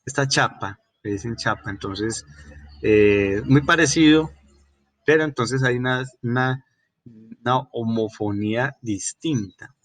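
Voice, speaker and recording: A man's voice: mid-range voice, unhurried, a bit bright, dry recording. Colombian male teacher, dry sound. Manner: explanatory, frequent fillers and restarts, checks with "¿cierto?". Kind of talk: recorded class lecture.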